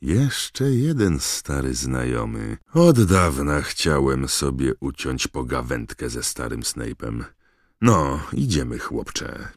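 A man voicing a gruff, grizzled old male wizard teacher who booms and growls. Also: very animated, slow pace, dry recording, studio quality, exaggerated voice. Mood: low menacing. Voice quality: booming, growling.

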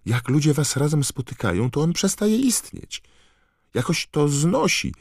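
An earnest, clever teenage witch of a schoolgirl, as a deep-voiced man reads her, lifted well up into a higher register. She explains patiently and insistently, her voice climbing high on the points she presses. The reading is dry and close. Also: big pitch swings, unhurried, creaky, darkish tone, no echo, full character voice.

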